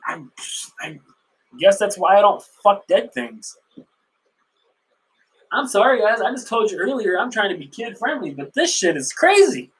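Male solo podcast host with a fairly high voice, crude and profane, laughs often. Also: fairly bright tone. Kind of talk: casual solo chat and joke-telling.

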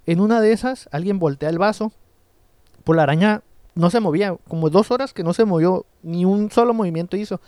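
A young man with a Mexican Spanish accent, telling a story in an animated, slangy way during a casual podcast chat. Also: high-pitched, fairly quick, dry recording, clean studio sound.

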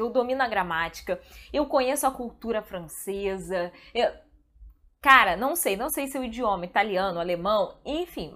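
A translator and video host with a Brazilian Portuguese accent talks casually to camera, chatting directly with her viewers. Her voice is on the high side and a bit bright.

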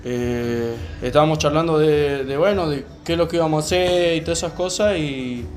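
A young man with a Rioplatense Spanish accent, calmly telling a personal story on a podcast, with many fillers. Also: a little high, faint music behind. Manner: calm, unhurried, many fillers. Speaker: podcast co-host. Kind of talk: casual storytelling chat.

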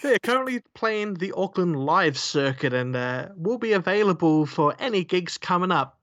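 A man's voice: sits high, sing-song, normal speed, a bit bright. A man co-hosting a podcast in casual chat, rambling and joking with lots of fillers. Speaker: podcast co-host.

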